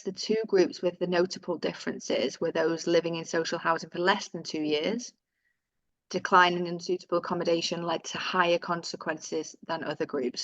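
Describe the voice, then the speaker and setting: Low-voiced woman with a Northern English accent. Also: fairly bright tone, no echo, highs cut off. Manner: reads out figures, with fillers and self-corrections. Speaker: presenter of survey findings. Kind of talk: webinar presentation.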